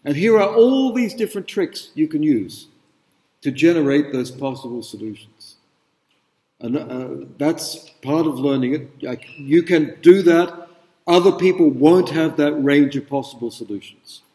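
A middle-aged man lecturing in a large hall, his voice booming with long reverb. He talks casually and asks the students questions, using lots of fillers, in a mellow, somewhat high tone. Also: expressive, a little slow. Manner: conversational, rhetorical questions, many fillers. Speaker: university lecturer. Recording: echoey hall, speaker away from mic.

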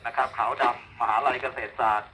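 A man's voice: medium pitch, level tone, brisk, bright, forceful tone, low-quality recording. A man chatting casually and playfully over a walkie-talkie, like a radio operator teasing his friends on air. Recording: two-way radio with faint noise.

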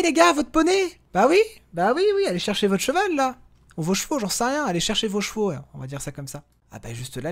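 A man narrating his gameplay in a loose, chatty way, often stopping to correct himself and calling out to his companions. His voice sits a little high for a man. He turns quiet and hushed when his character sneaks. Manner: chatty, self-correcting, talks to viewers and game companions; drops to a hushed voice while sneaking. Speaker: gaming video host. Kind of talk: casual let's-play commentary.

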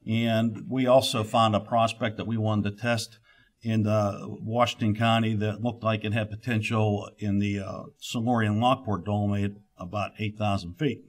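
Halting middle-aged man giving a keynote. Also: on the low side, flat delivery. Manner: halting, frequent "uh" fillers and restarts. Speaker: keynote speaker, exploration geologist. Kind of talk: conference keynote talk. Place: conference room, at a podium. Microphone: podium microphone.

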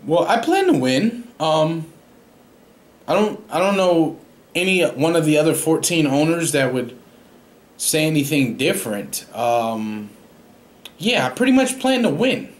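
A man's voice: on the high side, big pitch swings, unhurried. A young man in a mock press conference, playing a coach who gives cocky, defensive, rambling answers into a close studio microphone in a small room. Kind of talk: comedic parody press conference. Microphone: large studio microphone close up.

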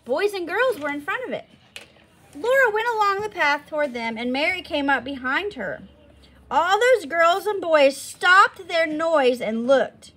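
Expressive woman reading a storybook. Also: extremely high pitch, unhurried. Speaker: storybook reader. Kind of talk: reading a children's novel aloud.

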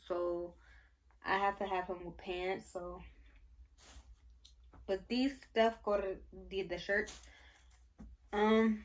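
A pregnant young woman chats casually to her camera. She gushes and rambles, filling pauses with fillers. Her voice sits at an ordinary pitch for a woman. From Michigan, United States. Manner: gushing, rambling, many fillers. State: pregnant, briefly out of breath. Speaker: vlogger. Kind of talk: casual baby haul show-and-tell.

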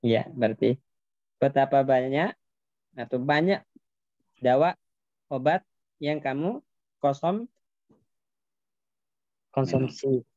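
A man's voice: medium pitch, slow, pauses often, a little mellow, dry recording. Patient male Arabic teacher, lo-fi. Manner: patient, explains step by step, asks students questions. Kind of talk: online Arabic grammar class.

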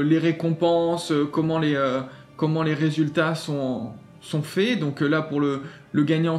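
A man hosting a gaming channel, walking through a website in a chatty, enthusiastic way with many fillers and restarts. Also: on the high side. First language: French. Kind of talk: casual screen walkthrough.

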